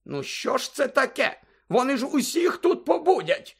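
A man voicing a grumpy middle-aged female school nurse in an audiobook, indignant and shrill. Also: sing-song, moderate pace, vocal fry, slightly rough, full character voice.

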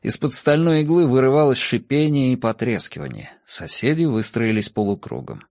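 A man narrating a story in an expressive audiobook reading. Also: mid-range voice, moderate pace, vocal fry, no echo. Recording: dry close studio sound.

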